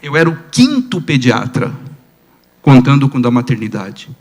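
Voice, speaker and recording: A pediatrician with a Brazilian Portuguese accent lectures at a conference, telling animated stories and tossing rhetorical questions to the audience. He speaks at a medium pitch and moderate pace.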